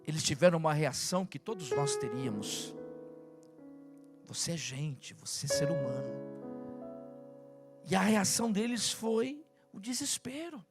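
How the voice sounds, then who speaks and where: A male pastor preaching a sermon to a live congregation, stacking long repetitive lists and dropping from loud to hushed. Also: sits high. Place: church service with live congregation.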